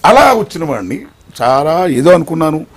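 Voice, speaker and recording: An older man as an interview guest, telling his life story in an animated way, swinging between loud excitement and hushed tones. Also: a little high, normal speed, slightly rough.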